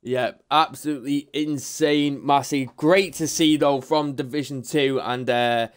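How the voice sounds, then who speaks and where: A man's voice: mid-range voice, fairly even intonation, a little slow, clear, resonant tone. A man commentating a sim-racing league broadcast live, chatty and upbeat, running through the grid.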